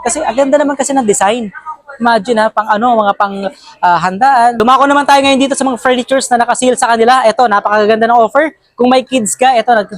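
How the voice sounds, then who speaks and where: A woman's voice: on the high side, no room sound. Upbeat Filipino woman touring a store. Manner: upbeat, chatty, frequent tag questions. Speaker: vlogger touring a store sale. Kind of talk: walk-through shopping vlog. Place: large indoor warehouse store.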